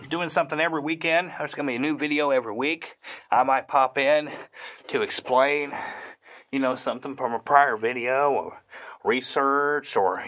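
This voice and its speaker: A man talking casually as he explores inside a cave, hosting his own video, with a husky, breathy voice that often drops into hushed asides. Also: medium pitch. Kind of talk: casual vlog narration while exploring. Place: inside a tight limestone cave.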